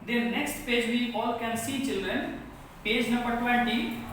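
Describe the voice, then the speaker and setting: In an echoey room recorded from a distance with slight background noise, a woman with an Indian English accent teaches from a textbook, reading lines aloud and then restating them in simple words, slowly and with repetition. She has a fairly bright tone and a voice on the high side.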